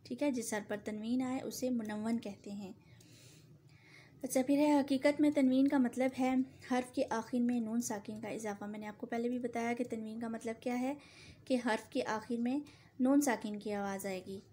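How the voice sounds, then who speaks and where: A woman's voice: on the high side, steady tone, mellow, a little hiss or hum. Woman teacher with a sore throat. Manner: patient, repeats points, slows down for drawn-out example words. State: sore throat, clearing it often. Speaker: Quran recitation teacher. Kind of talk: tajweed lesson.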